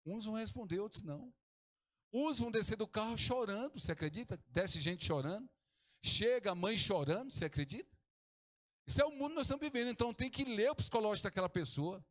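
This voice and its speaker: A middle-aged man from Brazil, preaching a sermon as pastor, swinging from hushed to exclaiming. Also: sits high, expressive, fast.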